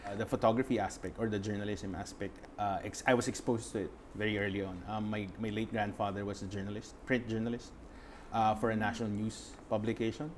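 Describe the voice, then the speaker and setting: A young man, answering interview questions as a guest photographer and pausing often to find his words. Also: lowish voice, level tone, a little hiss or hum. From Philippines. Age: young adult. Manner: reflective, searching for words with many fillers.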